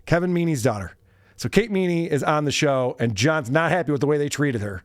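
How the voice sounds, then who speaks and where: A man hosts a commentary podcast, reading out donation messages with a sarcastic edge. His voice sits a little high and the sound is close and dry. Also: expressive, fairly quick, no echo. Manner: sarcastic, mocking. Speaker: podcast host.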